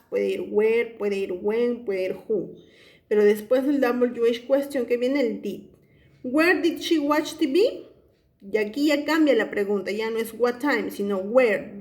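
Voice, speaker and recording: A woman, an English teacher explaining homework step by step into a phone she holds, slowing down to spell out each English example. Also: fairly high pitch, darkish tone. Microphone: phone held in hand.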